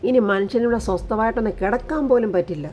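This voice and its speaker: A woman's voice: fairly high pitch, fast talker, lo-fi sound, slight background noise, close to an everyday voice. A woman voicing a bitter, spiteful elderly man who complains sarcastically in a serial retelling. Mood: irritated.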